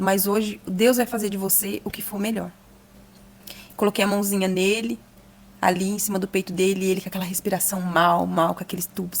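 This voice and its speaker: A young woman in a podcast telling an emotional testimony, earnest and at times close to tears. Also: medium pitch. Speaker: guest giving testimony.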